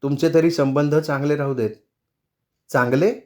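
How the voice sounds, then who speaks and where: A man voicing a patient older mother who speaks softly to calm a family quarrel. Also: fairly high pitch, normal speed, close to an everyday voice. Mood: weary. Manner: soft, placating.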